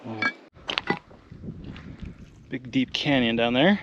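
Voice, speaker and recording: A man filming himself as he hikes outdoors, out of breath and exclaiming excitedly on a handheld camera mic. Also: mid-range voice, slow pace, muffled recording, very noisy. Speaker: vlogger exploring ruins. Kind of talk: excited on-the-spot hiking commentary. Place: outdoors on a hilltop.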